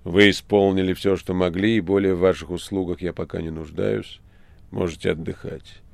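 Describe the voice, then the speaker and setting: Воланд: надменный князь тьмы, как его читает мужчина. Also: male voice, deep voice, fairly even intonation, gravelly, darkish tone, dry recording. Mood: measured. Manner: slow, scornful, measured. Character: haughty ancient male prince of darkness. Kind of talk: audiobook reading.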